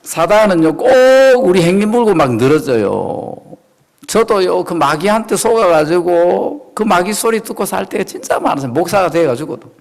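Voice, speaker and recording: A middle-aged male pastor preaching a sermon, emphatic and animated, often asking the congregation questions and laughing. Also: sits high, moderate pace, gravelly.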